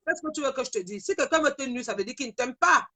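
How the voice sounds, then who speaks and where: A woman on a live call, calmly giving advice to her friend in casual chat. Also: sits high, fast.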